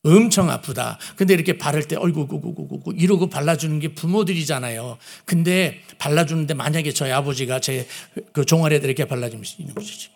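A man's voice: fairly high pitch, fast talker, hardly any pauses. A man preaching a sermon who asks his listeners questions and acts out the lines he quotes. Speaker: pastor.

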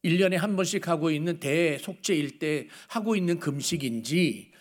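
A middle-aged man preaches a sermon in a notably high voice. He talks to his congregation in a relaxed, conversational way. He moves between stories and pointed rhetorical questions. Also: moderate pace. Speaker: pastor.

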